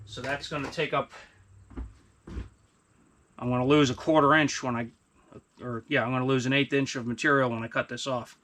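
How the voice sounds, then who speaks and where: A middle-aged hobby machinist hosts from a small indoor workshop panelled in wood, thinking aloud in casual, unscripted commentary as he works. His medium-pitched voice has a fairly bright tone, and machine and workshop noise comes through clearly.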